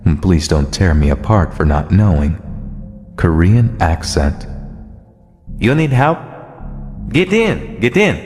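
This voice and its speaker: A man reading a first-person horror story as scripted narration, in a steady, low-key way. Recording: long reverb over music. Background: soft music.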